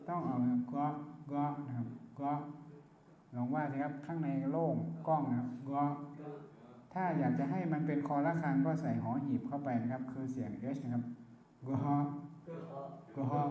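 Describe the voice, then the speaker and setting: A man's voice: on the high side, reverberant, a little hiss or hum, low-quality recording. Thai man teaching and chanting Pali. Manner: polite, ends phrases with a soft "krap", demonstrates sounds aloud. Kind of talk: chanting recitation and explanation lesson.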